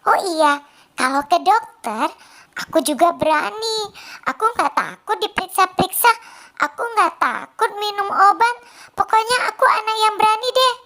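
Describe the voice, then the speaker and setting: A woman's voice: very high voice, lively intonation, bright, forceful tone, exaggerated voice. A timid little girl. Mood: proud. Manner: childlike, drawn-out and earnest. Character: small timid girl, brave by day. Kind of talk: children's church story play.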